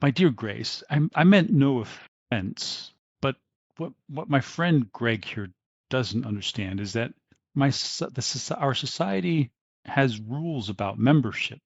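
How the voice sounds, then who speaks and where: A man's voice: mid-range voice, animated, measured pace, gravelly, breathy edge, dry recording, dull audio, full character voice. Man doing a flustered, dignified old mage. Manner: hesitant, polite, awkward.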